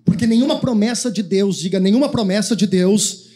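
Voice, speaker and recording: A man's voice: high voice, a little fast, dark tone. A man preaching a sermon as pastor, giving the congregation commands to repeat after him. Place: church.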